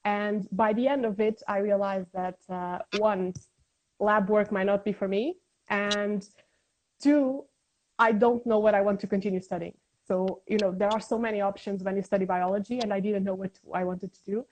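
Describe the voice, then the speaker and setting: Young woman, interview guest on a video call, calm and measured, fills her pauses. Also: mid-range voice, poor audio. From Portugal. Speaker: guest, science communicator.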